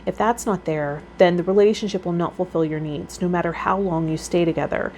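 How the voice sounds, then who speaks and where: Her voice sits fairly low, a little mellow, with fairly even intonation and a slightly fast pace. This tarot vlogger and healer hosts a series, reading out card meanings and adding her own casual remarks over noticeable background noise.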